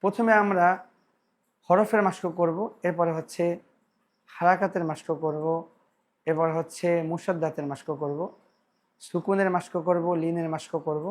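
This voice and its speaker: A man teaching Quran pronunciation, explaining slowly and drawing out practice syllables. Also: on the high side, steady tone. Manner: slow, deliberate explanation with drawn-out practice syllables. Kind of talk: tajweed pronunciation lesson.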